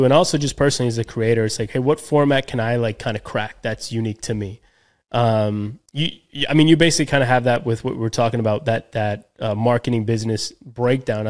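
Man, casual podcast chat, medium pitch, slangy, restarting sentences. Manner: loose, slangy, lots of restarts and fillers. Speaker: podcast co-host.

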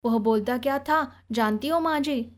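A woman voicing a timid, eager young servant boy who speaks in a hushed, anxious way. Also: high-pitched, unhurried.

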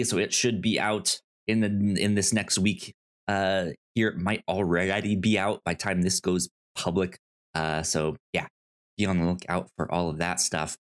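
A man co-hosts a podcast, chatting casually about movies in a fairly low voice. He speaks haltingly, often repeating words and starting over.

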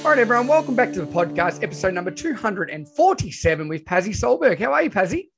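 A man hosts a podcast interview in an upbeat, enthusiastic way, his voice sitting a little high. He chats freely with his guest. Faint music plays behind him. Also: big pitch swings, fast talker, gravelly. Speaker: podcast host.

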